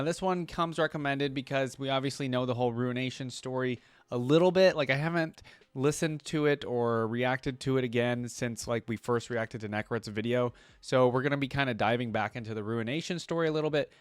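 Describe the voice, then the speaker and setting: In a dry recording, a man with a mid-range voice hosts a casual reaction video. He reads lore aloud and drops in his own conversational asides about it.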